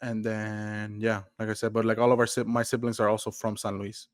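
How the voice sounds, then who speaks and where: Young male co-host, low voice, dry close sound, easygoing rambling talker. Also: completely flat delivery, fairly quick, no room sound. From Mexico. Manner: laid-back, rambling with many fillers. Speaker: podcast co-host. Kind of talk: casual chat.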